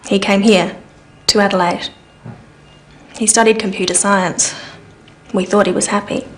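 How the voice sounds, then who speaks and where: A young businesswoman in her twenties, played by a woman in a scripted English-learning drama. She speaks in a plain, measured and earnest way, with a voice of middling pitch. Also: steady tone, slight background noise, lightly acted. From Singapore. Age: 20s. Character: young Singaporean businesswoman searching for her brother. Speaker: client.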